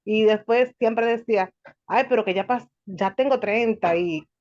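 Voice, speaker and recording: Woman, 30s, online participant, slow and thoughtful, slightly high voice, muffled call sound. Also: darkish tone. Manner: slow, thoughtful, hesitant with fillers. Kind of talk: sharing a personal example. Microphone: video call. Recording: muffled video call audio.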